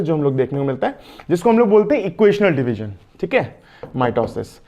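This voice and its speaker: A man's voice: high voice, darkish tone. A man with an Indian accent teaching biology in an online exam-prep lecture, chatty, mixing Hindi with English and asking his students questions.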